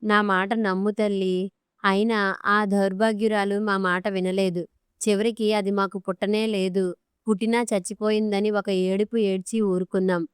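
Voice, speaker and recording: Lady reading a sad old dad, soft and slow, crystal clear dry voice. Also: mid-range voice, level tone, no room sound, lightly acted. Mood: pained.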